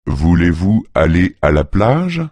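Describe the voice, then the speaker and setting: A man reading phrases slowly and deliberately for language learners. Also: low voice, sing-song, darkish tone, dry recording. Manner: slow, deliberate, careful. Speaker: phrase reader. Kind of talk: slow phrase drills for learners.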